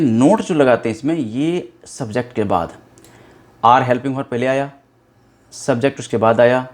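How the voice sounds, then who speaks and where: A man with a Hindi accent teaching a spoken English lesson, slowly explaining grammar and repeating each word. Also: mid-range voice, a little mellow.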